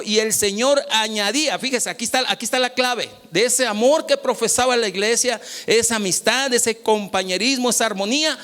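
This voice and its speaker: A man, preaching a sermon as pastor, swinging from loud calls to soft, low asides. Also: in a large hall.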